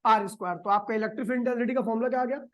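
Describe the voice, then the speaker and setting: A man with a notably high voice teaches physics to a room of students. He keeps asking short questions and answering them in the same breath. At times he slows to a crawl to dictate a definition. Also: fairly even intonation, a bit bright. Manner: quizzes the class and answers his own questions. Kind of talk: classroom lecture. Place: classroom with a board.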